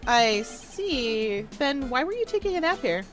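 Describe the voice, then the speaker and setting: A woman's voice: sits high, very animated, unhurried, soft background music. A woman voicing a dry, exasperated male defense attorney while reading out a video game. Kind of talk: video game voice-over read-aloud.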